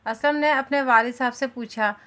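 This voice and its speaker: A woman with a Pakistani Urdu accent giving a school lesson, her voice sitting a little higher than most. She explains step by step, patient and unhurried, pausing often to find the next word. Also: steady tone, sharp tone. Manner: patient explanatory delivery with frequent hesitations. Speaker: teacher.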